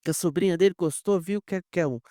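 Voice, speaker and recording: High-voiced Brazilian pastor telling stories. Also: male voice, quick pace, no echo, studio quality. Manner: animated storyteller, addresses the congregation directly; acts out quoted dialogue. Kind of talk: conversational sermon with personal stories.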